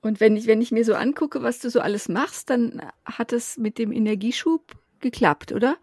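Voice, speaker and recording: A woman's voice: on the high side, moderate pace, darkish tone. A woman hosting a podcast, asking questions in a casual interview style.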